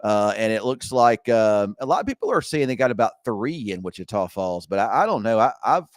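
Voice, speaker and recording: A man's voice: on the low side, very animated, a little fast, dry recording, clean studio sound. A middle-aged man hosting a live weather show, rambling easygoing in a groggy morning voice. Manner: rambling, restarts and fillers, easygoing. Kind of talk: casual live weather chat. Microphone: video call screen share.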